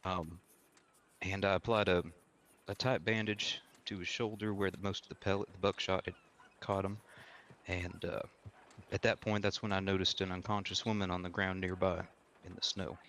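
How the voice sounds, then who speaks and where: A man playing an armed frontier woodsman giving careful, formally worded, halting testimony in a courtroom role-play. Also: sits low, flat delivery, fairly bright tone, slight background noise. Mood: measured, careful.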